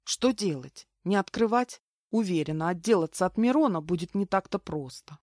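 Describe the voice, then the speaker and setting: A woman giving lively first-person audiobook narration into a close mic. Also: fairly low pitch, moderate pace, no echo.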